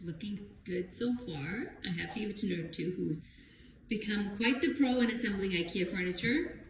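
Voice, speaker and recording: A woman with the hiccups chats casually as she hosts a home vlog. She talks at a mid pitch in an echoey room. Clear background noise runs under her voice. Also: moderate pace. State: has the hiccups. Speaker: vlog host. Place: home indoors.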